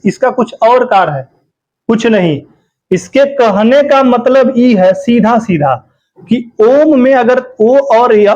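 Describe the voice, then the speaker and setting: A man with a high voice teaches an exam-prep grammar lesson. He asks his class questions and then answers them himself, repeating key words to drill them in. The recording is dull and lo-fi. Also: a little mellow.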